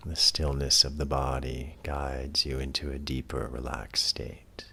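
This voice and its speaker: Speaking with an extremely low, husky, creaky voice, a man acting as a yoga teacher leads a guided relaxation. He keeps it calm and measured, soothing throughout, with lengthy pauses separating phrases.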